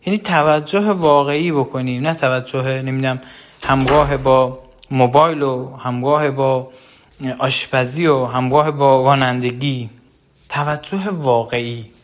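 A man's voice: mid-range voice, steady tone. A man giving an earnest talk on parenting, explaining with everyday examples and speaking straight to the listener. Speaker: parenting educator.

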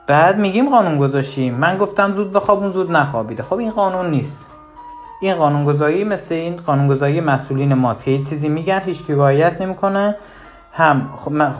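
Here a parenting advisor addresses the listener head-on, shifting from lively to low and emphatic as rhetorical questions punctuate the guidance.

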